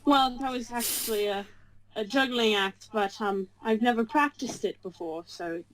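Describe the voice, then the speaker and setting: A woman's voice: fairly high pitch, moderate pace, fairly bright tone, low-quality recording. A woman taking part as a player in tabletop role-play, speaking in a bashful, hesitant way.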